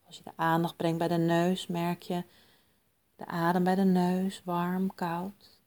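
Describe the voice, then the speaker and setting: A woman leads a guided meditation in a soft, soothing voice, pitched a little low. She speaks very slowly and calmly, leaving long, still pauses between short phrases.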